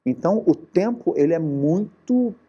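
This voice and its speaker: A man's voice: on the high side, animated, a little slow, mellow, breathy edge, highs cut off. A man, a guest actor talking earnestly in a casual interview and often restarting his sentences. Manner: earnest, searching for words with many restarts.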